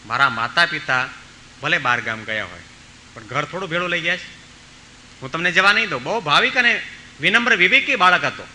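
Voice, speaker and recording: Bright-voiced monk telling stories. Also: male voice, fairly high pitch, animated, brisk, pauses often, a little hiss or hum, poor audio. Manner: acts out voices in his stories, pleading and commanding. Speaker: monk preacher. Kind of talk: storytelling sermon.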